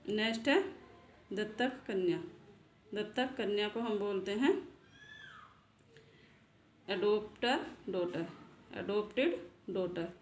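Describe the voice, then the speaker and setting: A woman's voice: medium pitch, unhurried, long pauses, a little mellow. A woman hosting a casual vocabulary lesson, asking a question and answering it herself, repeating each word twice. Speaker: channel host and English teacher. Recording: echoey room with faint noise.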